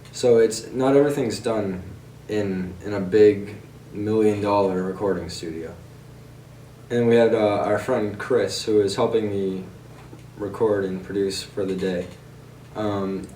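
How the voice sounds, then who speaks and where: Twenty-year-old man, low, off-mic. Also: reverberant, far from the mic, a little hiss or hum. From Massachusetts. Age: 20s. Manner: relaxed, halting with fillers and restarts. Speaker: guitarist. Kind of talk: casual documentary interview.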